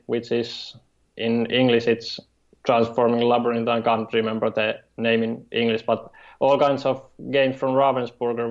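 A man from Finland with a Finnish accent, a game designer speaking as a guest in an interview, halting and hesitant, with many fillers. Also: mid-range voice, a little mellow, highs cut off. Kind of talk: remote interview.

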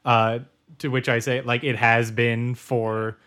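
A man co-hosting a casual podcast chat, wry and halting, with many fillers. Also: mid-range voice, flat delivery, a bit bright, clear, resonant tone. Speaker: podcast co-host.

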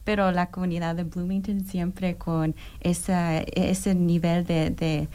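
A young woman from New York, a guest on an interview show, talking in an earnest, measured way with frequent hesitations. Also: on the low side, level tone, mellow. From New York, United States. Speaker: guest, disaster program manager. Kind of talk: interview conversation.

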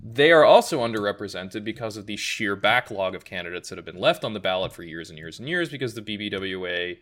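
A man's voice: lowish voice, animated, quick pace, a bit bright. A man co-hosting a casual podcast, talking in long, rambling thoughts with frequent self-corrections and wry asides. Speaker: podcast co-host. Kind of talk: casual chat.

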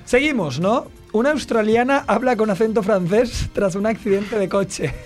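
A man's voice: high voice, moderate pace, faint music behind. A man hosting a casual radio show, reading news items and joking with mocking asides. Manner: jokey, laughs often, mocking asides. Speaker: radio host.

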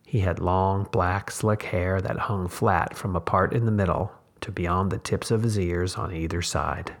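Male podcast host narrating a story, very low and gravelly, measured pace. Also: fairly even intonation. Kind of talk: audiobook reading.

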